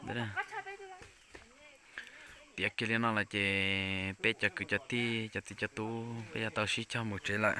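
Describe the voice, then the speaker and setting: A man's voice: fairly low pitch, little pitch movement, moderate pace, pauses often, a crowd in the background. A man vlogging outdoors near a stream, chatting casually as he explains what he is doing. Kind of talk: casual talk while working.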